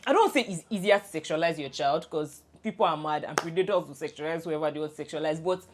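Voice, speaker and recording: With slight background noise in the recording, a young Nigerian woman speaks quickly in a low voice. She's co-hosting a laid-back podcast with her best friend, telling lively stories punctuated by laughter and lots of restarts.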